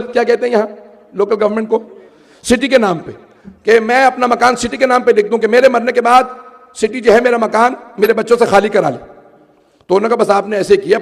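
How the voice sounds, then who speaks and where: A man with a high, ringing voice preaches with oratorical force. He builds to shouts and then sinks into a hushed, mournful delivery. His words carry a long echo through a reverberant hall. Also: gravelly. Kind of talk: impassioned sermon.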